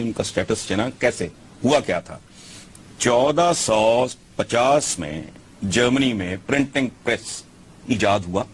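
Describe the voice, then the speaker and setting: A man's voice: medium pitch, slight background noise. A man giving scornful opinion commentary, lecturing with rhetorical questions.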